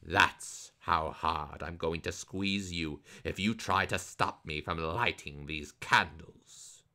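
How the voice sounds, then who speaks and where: A man's voice: low voice, slow, bright, forceful tone, full character voice. A man voicing a clever, bold folk hero who talks in a confident, teasing way.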